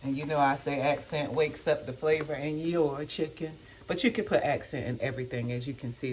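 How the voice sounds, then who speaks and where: A woman's voice: low voice, a little hiss or hum. A woman, chatting with viewers in a casual home cooking vlog and thinking aloud as she cooks. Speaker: home cook vlogger. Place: home kitchen. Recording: home kitchen audio with loud frying sizzle. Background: frying and sizzling in a pan.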